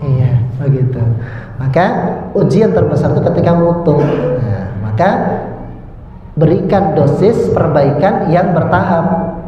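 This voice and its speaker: A man with a Javanese accent teaching parents in a lecture, speaking deliberately, repeating key points and demonstrating sounds. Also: fairly high pitch, dark tone. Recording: dull echoey hall with faint noise.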